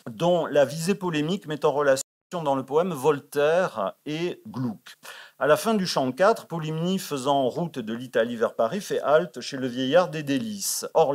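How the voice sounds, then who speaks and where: A man presenting a scholarly paper at a conference in a library auditorium. He sprinkles his delivery with fillers like "hein" and "euh" and reads verse quotations with raised emphasis. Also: mid-range voice. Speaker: conference speaker. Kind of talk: academic conference talk.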